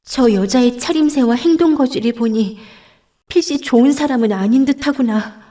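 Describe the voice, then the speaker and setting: A woman reading an audiobook voices a timid, innocent young nun who speaks softly and anxiously. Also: high-pitched, moderate pace, voice pushed up. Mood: uneasy. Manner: soft, anxious, trembling speech.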